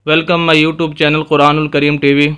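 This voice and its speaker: A man teaching Quran reading in a step-by-step recitation lesson, patiently explaining and then slowly spelling out letters and vowel marks. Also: on the high side, level tone, a bit bright, clean tone. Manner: patient explanatory tone, addresses viewers politely.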